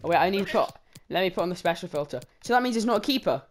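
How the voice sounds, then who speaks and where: A man giving lively, bantering commentary while opening game packs. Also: high voice, very fast, a little hiss or hum. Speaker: gaming channel co-host. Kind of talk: casual pack-opening commentary.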